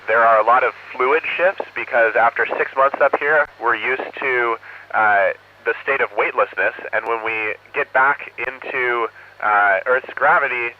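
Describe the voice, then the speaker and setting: A man answering students' questions from an orbiting space station over a crackly radio downlink, earnest and measured, signing off each answer with 'over'. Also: mid-range voice. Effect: crackly space-to-ground radio downlink. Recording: dull radio link with faint static hiss.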